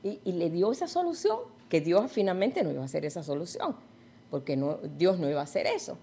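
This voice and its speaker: A woman's voice: on the low side, very animated, a little fast, vocal fry, dark tone, a little hiss or hum. A woman teaching a Bible study sermon, retelling stories and asking her listeners questions.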